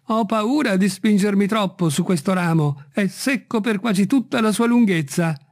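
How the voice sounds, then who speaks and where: Un vecchio servitore semplice e timoroso, dalla voce alta e supplichevole, fatto da un uomo che legge un audiolibro. Parla con zelo, un po' impaurito. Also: male voice, sits high, moderate pace, pitched above the performer's own voice. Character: old male servant, simple and fearful, climbing a tree. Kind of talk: audiobook reading.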